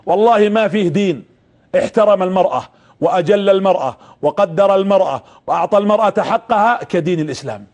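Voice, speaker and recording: A man's voice: sits high, fast talker, a little mellow. A man preaching a sermon, impassioned, telling a story and addressing his listeners directly.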